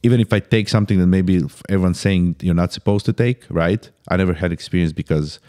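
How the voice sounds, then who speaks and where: Podcast guest, man, 30s: low voice, laid-back, calls everyone "bro", restarts mid-thought. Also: dark tone. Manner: casual, sprinkles "bro" constantly; halting restarts while thinking. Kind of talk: casual podcast chat.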